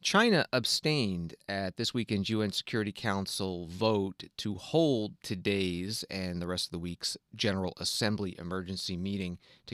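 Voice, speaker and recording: A man's voice: sits low, a bit bright, no room sound, studio quality. A man hosting a news programme, reading scripted news narration. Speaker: radio news host.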